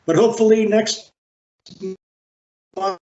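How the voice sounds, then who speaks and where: A man chairing a library board meeting over a video call, speaking in a halting, measured way with frequent fillers. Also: high-pitched, mellow. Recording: roomy, dull video-call audio.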